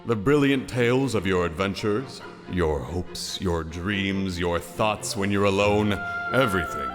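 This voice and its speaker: A man voicing an eager, gushing giant hand who hosts grandly and theatrically in an animated comedy. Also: low-pitched, unhurried. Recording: background music, long reverb.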